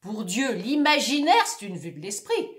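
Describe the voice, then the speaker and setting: A woman reading a comic monologue aloud in an expressive theatrical recitation, swinging between bright and hushed delivery. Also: medium pitch, unhurried. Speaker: reader of literary texts. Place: room at home. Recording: roomy echo.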